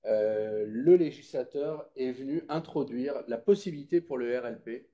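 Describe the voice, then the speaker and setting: A man with a warm, mid-range voice speaks at normal speed while presenting at a public consultation meeting. His explanatory talk is informal and didactic, with checks on whether listeners follow and time for questions.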